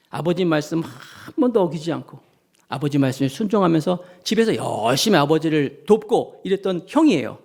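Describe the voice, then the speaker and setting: Animated, gravelly Korean pastor preaching. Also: male voice, high-pitched. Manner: animated preaching, acts out quoted voices. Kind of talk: sermon.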